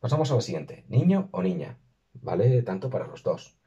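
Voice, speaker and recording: Man, lesson narration, dark mellow husky voice, dull lo-fi sound. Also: medium pitch, very animated. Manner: careful, slows and stresses words when modelling pronunciation. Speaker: language teacher. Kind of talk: screen-recorded lesson narration.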